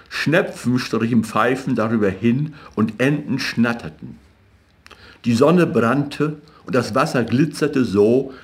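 A man reading literary fiction aloud as an audiobook narrator in a measured, even way. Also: medium pitch.

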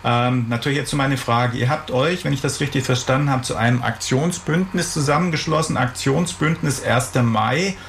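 Brief: male radio host, gravelly voice, chatty studio interviewer. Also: mid-range voice, normal speed, few pauses, a little hiss or hum. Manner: relaxed, chatty, rambling questions.

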